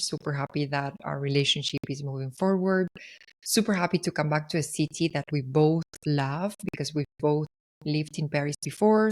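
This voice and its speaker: Low-voiced woman from Argentina hosting a podcast. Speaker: podcast host. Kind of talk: personal storytelling monologue.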